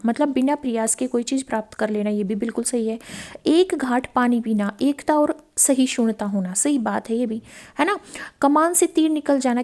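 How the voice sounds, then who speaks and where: A woman's voice: high-pitched, warm tone. A woman teacher going through past exam questions, asking and answering her own questions and repeating key words. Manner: explanatory, asks questions then answers them; repeats key words, mixes in English phrases. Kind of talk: exam-prep lesson explaining past paper questions.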